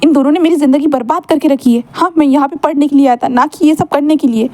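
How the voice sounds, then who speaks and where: A woman's voice: high voice, quick pace, dark tone, natural voice. A woman voicing a grumpy, exasperated young male college student in a fan-fiction story. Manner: exasperated complaining.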